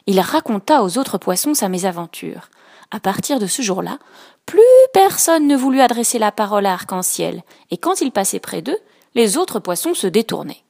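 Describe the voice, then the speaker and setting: A woman reading a children's picture book aloud with soft, expressive storytelling. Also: mid-range voice, moderate pace, vocal fry. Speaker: storybook reader.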